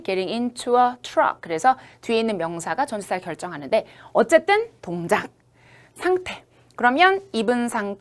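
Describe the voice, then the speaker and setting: A woman in her thirties giving a lively online lecture as an English test instructor, acting out examples as she explains. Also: a little high. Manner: lively, demonstrative, acts out examples. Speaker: TOEIC listening instructor.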